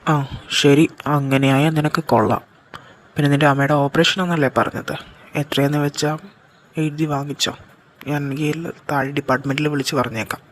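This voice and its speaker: A man's voice: a little high, level tone, a little fast, fairly bright tone, a little hiss or hum, natural voice. A man playing a cool, menacing male boss. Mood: curt. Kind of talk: fan audio drama acting.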